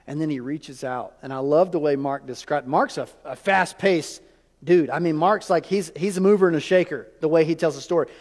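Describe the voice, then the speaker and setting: A man pastor delivering a sermon, swinging from loud emphatic lines to hushed, almost whispered ones. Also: a little high, fairly quick, big-room sound.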